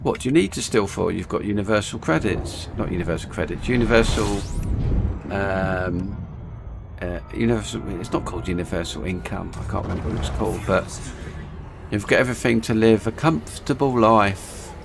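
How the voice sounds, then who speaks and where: A man's voice: fairly low pitch, normal speed. A man with a speech impediment on R and S, saying w for r, chatting casually and rambling as he streams a game. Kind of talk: casual rambling gameplay chat. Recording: clear background noise, vehicle-like game ambience.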